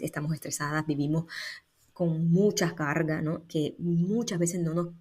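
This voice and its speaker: Husky-voiced woman podcast host. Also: deep voice. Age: adult, raising young children. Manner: lively, conversational, peppered with tag questions. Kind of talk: solo parenting podcast talk.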